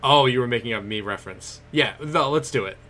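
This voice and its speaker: Bright-voiced man bantering on a podcast. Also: mid-range voice, fairly quick. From North Shore, Massachusetts. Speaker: podcast co-host. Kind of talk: casual banter.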